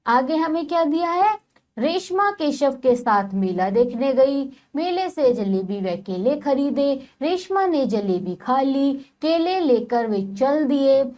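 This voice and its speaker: A woman teacher giving a children's phonics lesson, patient and repeating each step slowly. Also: high voice, darkish tone.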